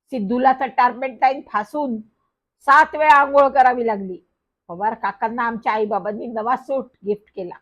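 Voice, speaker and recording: A woman narrating a children's story in a lively first-person manner. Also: on the high side, normal speed. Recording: dull lo-fi recording.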